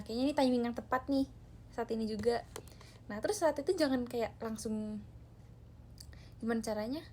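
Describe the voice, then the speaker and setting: A woman's voice: a little high, darkish tone, a little hiss or hum. A young woman chatting casually to viewers on a live stream from her phone, talking loosely with lots of fillers. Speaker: idol group member hosting a live stream.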